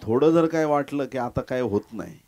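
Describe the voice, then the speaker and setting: A man preaching a sermon as pastor, fervent and dramatic, swinging from loud, rising cries to hushed, low asides. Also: animated, moderate pace.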